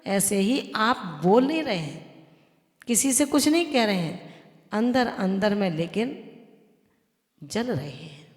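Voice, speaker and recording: A woman's voice: mid-range voice, animated, slow, long pauses. A woman, a Jain nun, giving an earnest devotional sermon that exhorts listeners and explains with everyday examples. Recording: echoey hall with long reverb.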